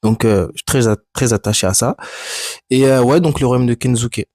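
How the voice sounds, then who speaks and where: A man's voice: medium pitch, normal speed, a little mellow, no room sound, studio quality. Rambling, teasing young man from France. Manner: rambling, teasing, full of asides. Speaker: podcast guest. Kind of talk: casual podcast chat.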